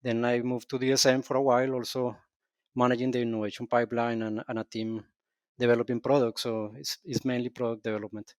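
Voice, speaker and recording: A man from Colombia, a podcast guest speaking in a thoughtful, measured way with some restarts. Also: medium pitch, little pitch movement, no echo, studio quality. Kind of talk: podcast interview.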